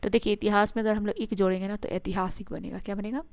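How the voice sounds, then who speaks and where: A woman teacher going through grammar quiz answers. She asks the class questions and then answers them herself, and she stretches words out slowly to stress their sounds. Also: mid-range voice, flat delivery, a little mellow, no room sound.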